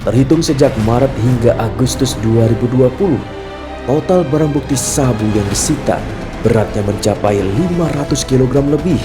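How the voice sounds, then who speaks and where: A man narrating an investigative news report in a measured, emphatic scripted delivery. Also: mid-range voice. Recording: voice-over with music bed.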